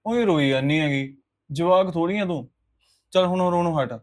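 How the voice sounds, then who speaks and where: A placating young husband from a drama film, played by a man, who coaxes his upset wife and keeps repeating reassurances. His voice sits somewhat high for a man. He speaks in an everyday, gentle tone. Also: normal speed, close to an everyday voice. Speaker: actor in a short film.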